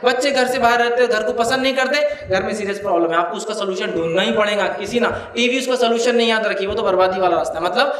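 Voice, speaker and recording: A man's voice: high voice, fast talker, few pauses, fairly bright tone. A man from India giving an Islamic lecture, admonishing parents with rhythmic lists of commands. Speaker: Islamic speaker. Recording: echoey hall.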